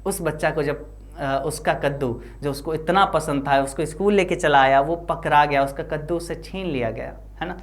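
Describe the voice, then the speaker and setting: A woman explaining an English lesson line by line, reading English slowly and explaining in with frequent tag questions. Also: low-pitched. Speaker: teacher.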